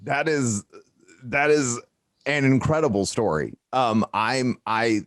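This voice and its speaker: A man interviewing a guest, enthusiastic and a little halting with restarts. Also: medium pitch, fairly bright tone, no echo, clean studio sound.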